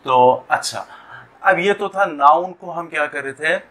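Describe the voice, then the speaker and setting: A man teaching an English pronunciation lesson, slowly repeating and stretching example words as he explains them. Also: a little high, vocal fry, a bit bright.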